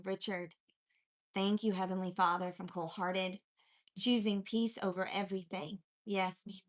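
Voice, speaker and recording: A woman's voice: mid-range voice, a bit bright. A woman with a mixed accent from growing up in many places, hosting a spiritual coaching livestream, greeting viewers and preaching in an earnest, encouraging way. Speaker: spiritual life coach and live-stream host. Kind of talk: live-stream chat greeting viewers and preaching.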